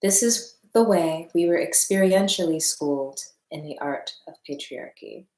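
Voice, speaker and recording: A woman's voice: on the low side, normal speed, mellow. A woman reads a book aloud, sighing often and breaking off for chatty asides to her viewers. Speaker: book reader and commentator. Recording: roomy echo.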